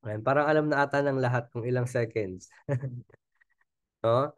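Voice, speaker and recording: At a moderate pace and in a mid-range voice, a man with a Filipino accent leads an informal Taglish sales training, captured in a dry recording. He coaxes and chats with listeners, constantly checking in with "di ba?"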